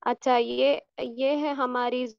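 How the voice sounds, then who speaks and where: A woman's voice: sits high, flat delivery, slow, gravelly, smooth, dry recording, lo-fi sound. A woman teaching a recitation class online, patiently explaining and repeating sounds for her students. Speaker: tajweed teacher.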